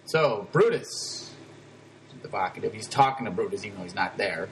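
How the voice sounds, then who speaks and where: A man's voice: fairly low pitch, animated, a little hiss or hum, poor audio. A man teaching Latin, explaining a text line by line in a casual, conversational way. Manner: casual, conversational, breaks down grammar with quick asides.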